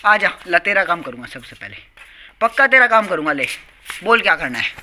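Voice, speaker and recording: A man's voice: high voice, very animated, fairly quick, sharp tone, slight background noise. A young man, chatting casually on a family vlog and coaxingly pleading and apologizing over and over. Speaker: vlogger.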